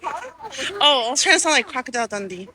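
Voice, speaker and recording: A high-pitched woman with a bright, clear tone chats casually as she hosts her family vlog. She is playful and jokey, often breaking into laughter, recorded outdoors at a park. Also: big pitch swings, brisk. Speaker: family vlogger host.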